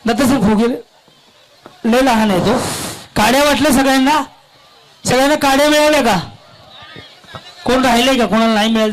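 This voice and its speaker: A man's voice: sits high, slight background noise, poor audio. A man hosting a balloon game at a public event, teasing the crowd and repeating instructions. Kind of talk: lively crowd emcee patter. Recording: music loud behind PA voice.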